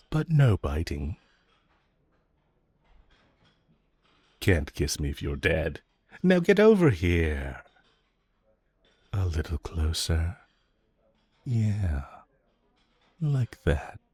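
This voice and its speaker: Playing a flirtatious male villain in a romantic audio roleplay addressed to the listener, a man uses a very low, husky, exaggerated voice, recorded close and dry. He teases and provokes his hero rival with slow, drawn-out lines whose pitch swoops wildly and playfully. His mood shifts from teasing and coaxing to flirty and coy.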